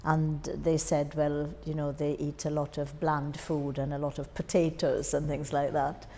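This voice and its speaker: An older Jamaican woman in her sixties, once an overseas student nurse, reminisces in an oral history interview. Her deep, mellow voice stays level and a little slow, recorded in an echoey hall with faint background noise.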